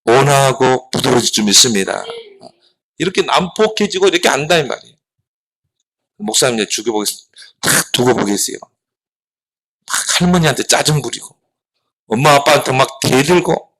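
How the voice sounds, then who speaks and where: A middle-aged man preaching a children's sermon, animated, asking the children questions and answering them himself. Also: mid-range voice, moderate pace, pauses often, low-quality recording. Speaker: pastor.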